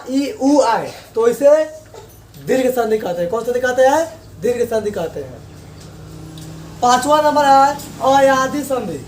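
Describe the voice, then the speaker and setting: A man teaches a grammar lesson, asking questions and answering them himself. His voice sits high and moves at an unhurried pace. He sounds distant from the mic, in a room with a noticeable echo. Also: a little hiss or hum. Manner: repeats key points as questions to the class. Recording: echoey room, voice from far off.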